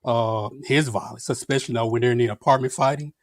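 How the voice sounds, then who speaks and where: A man's voice: mid-range voice, fairly even intonation, quick pace, no room sound, clean studio sound. A man chatting casually as a panelist, rambling and laughing between his points. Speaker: show panelist. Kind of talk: casual chat.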